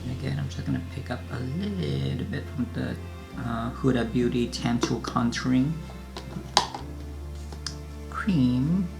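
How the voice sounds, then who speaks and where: Creaky-voiced man. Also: mid-range voice, a little slow, long pauses, music in the background. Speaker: beauty vlogger. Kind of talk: casual makeup tutorial chat.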